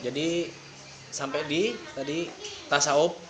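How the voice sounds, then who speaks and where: A man's voice: on the high side, steady tone, slow, heavy background noise. Chatty man hosting a casual interview. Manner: chatty, hesitant questions with many fillers. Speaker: podcast host.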